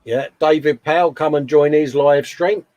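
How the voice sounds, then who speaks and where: Reading out posts on a casual hobby live show, this male co-host is chummy and colloquial, frequently calling people "mate." His voice is fairly high and a little mellow, with a steady tone at normal speed. The recording is dry and sounds dull.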